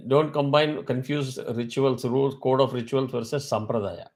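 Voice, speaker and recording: A man's voice: medium pitch, steady tone, moderate pace, a little mellow. A man teaching a weekly Vedic class over a video call. He explains step by step and asks his students questions.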